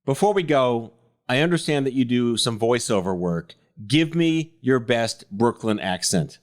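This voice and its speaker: A man's voice: medium pitch, lively intonation, measured pace. A male podcast host wrapping up an interview in a casual, upbeat and playful way.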